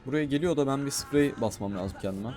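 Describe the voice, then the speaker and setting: A man commentating his own gameplay in a casual, excitable way, often shouting and talking to himself. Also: mid-range voice, a little fast, soft background music. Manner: excitable, shouts and talks to himself while playing. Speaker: gaming streamer.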